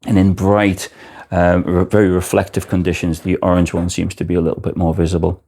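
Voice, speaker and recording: A man's voice: deep voice, monotone, fairly quick, mellow. A man giving an informal product explanation as a presenter, speaking indoors in a shop.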